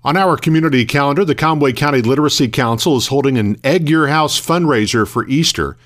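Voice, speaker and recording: A man reads scripted local news as a radio anchor, in a measured, formal announcer's delivery. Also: medium pitch.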